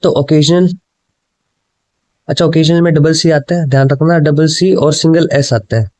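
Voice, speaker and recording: Hindi-exam teacher, man, mellow voice. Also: a little high, steady tone, moderate pace, dry recording, rough recording. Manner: mixes Hindi and English, repeats answers, keeps asking "ठीक है?". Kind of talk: explaining exam questions.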